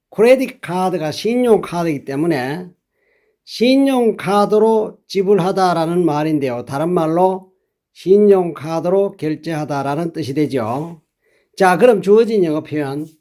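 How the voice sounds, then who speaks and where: A man teaching English phrases in a lesson, explaining deliberately and repeating each phrase slowly for learners to copy. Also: sits high, animated, a little mellow.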